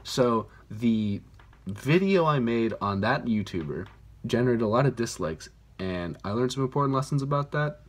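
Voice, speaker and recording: A man's voice: mid-range voice, expressive, moderate pace. A man hosting his own channel, talking casually to camera in a rambling, self-deprecating way full of fillers, recorded on a phone. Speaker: YouTuber, channel host. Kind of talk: casual vlog talk to camera. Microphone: phone camera mic.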